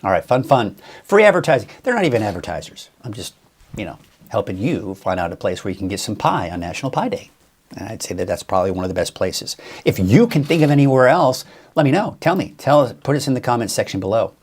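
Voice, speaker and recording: Male weather host, lowish and lively in pitch, loose and rambling live-stream delivery. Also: quick pace, slightly rough. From Northern California. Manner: chatty, rambling, thinks aloud with fillers. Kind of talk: casual live-stream forecast chat.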